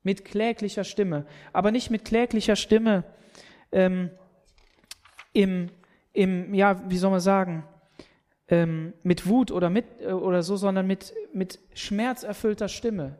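A man's voice: high-pitched, fairly even intonation, measured pace, a little mellow. A man preaching a sermon, retelling a scripture story and speaking earnestly, often repeating words as he presses his point.

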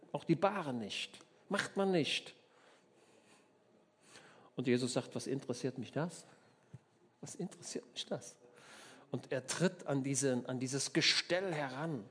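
A German man with a medium-pitched voice preaches a sermon, telling the story in a lively way. He acts out the voices of the people in it and often asks his listeners to agree.

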